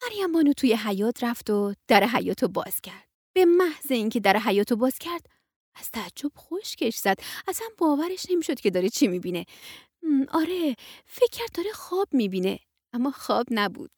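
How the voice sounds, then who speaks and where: A woman narrating a children's story in a lively way and voicing its figures. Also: on the high side, slightly rough, no room sound, clean studio sound. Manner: lively, playing each figure with her voice.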